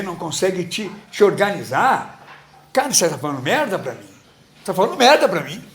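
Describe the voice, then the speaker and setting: A man's voice: sits high, fairly bright tone. Blunt, slangy Brazilian man preaching. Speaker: pastor. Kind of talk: informal preaching in class. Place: school classroom.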